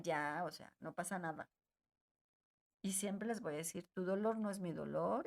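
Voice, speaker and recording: A woman giving gentle, repetitive advice straight to her listeners in an emotional wellness talk. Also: on the low side, vocal fry.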